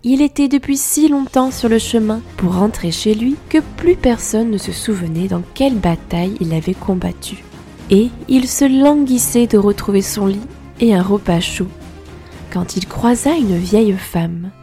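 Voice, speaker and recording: Woman storyteller, mellow warm voice, calm expressive fairy-tale reading, faint music underneath. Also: mid-range voice, moderate pace. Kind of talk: scripted storybook narration.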